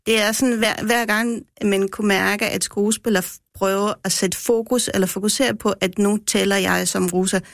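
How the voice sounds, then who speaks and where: A woman guest explains her views in a casual radio discussion, often restarting her sentences. Her voice sits at a middle pitch. The studio sound is dry and close. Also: fairly even intonation, vocal fry, hardly any pauses, dry recording. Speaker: guest critic who speaks Russian.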